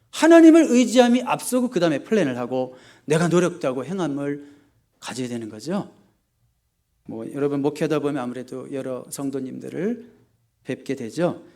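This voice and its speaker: A male pastor preaching in church, asking the congregation questions and answering them himself, with sharp rises for emphasis. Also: a little high. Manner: emphatic, often rising sharply for stress. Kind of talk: sermon. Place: church sanctuary.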